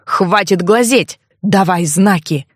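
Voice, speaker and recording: A woman voicing a brash, power-hungry young man who barks gruff demands, lower than her own voice. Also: takes it slowly, dry recording, studio quality. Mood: angry, snapping. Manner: gruff barking commands.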